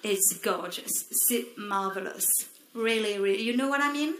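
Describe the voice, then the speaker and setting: Comedienne playing a gushing, snobbish Réunion Creole mom, bright-voiced, echoey stage. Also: female voice, a little high, unhurried, slight background noise. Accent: Réunion Creole French. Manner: affected, gushing, sprinkles English words. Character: pretentious middle-aged Creole mother, showy traveler. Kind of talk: stand-up character sketch.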